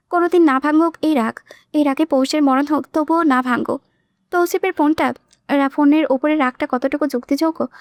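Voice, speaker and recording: A woman narrates a romantic novel in a high, clear voice. The recording is close and dry, with no room sound. She gives the characters' lines a touch of their own tone. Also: dry recording. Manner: reads all characters herself, shifting tone for quoted lines. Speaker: audiobook narrator.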